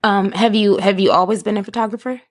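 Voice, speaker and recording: An enthusiastic woman hosting a podcast, full of praise and quick to call things crazy or wild. She speaks at an everyday middle pitch. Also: fairly even intonation. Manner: gushing, enthusiastic, fond of words like crazy and wild. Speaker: podcast host. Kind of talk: podcast intro and interview.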